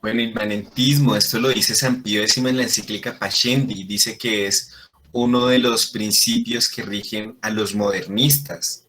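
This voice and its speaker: A man's voice: on the low side, steady tone, normal speed, fairly bright tone. A man teaching a Latin class, explaining patiently and checking in with frequent questions to his students. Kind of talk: classroom lesson.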